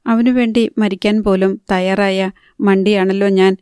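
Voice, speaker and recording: A woman's voice: medium pitch, steady tone, moderate pace, a little mellow, clear, resonant tone, no echo, clean studio sound, natural voice. A woman reading the part of a heartbroken, bitter young woman in an audiobook.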